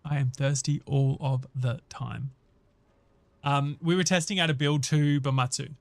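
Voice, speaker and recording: A man's voice: mid-range voice, steady tone, a little slow, vocal fry, no echo. A man hosting a casual gaming livestream, thinking aloud and chatting conversationally with viewers as he gives his commentary. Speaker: live streamer and host.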